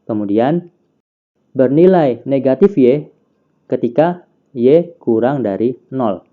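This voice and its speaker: A man's voice: medium pitch, expressive, slow pace, narrow, tinny audio. A man teaching a math lesson, patiently explaining, asking questions and answering them himself. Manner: patient, asks and answers own questions, counts aloud.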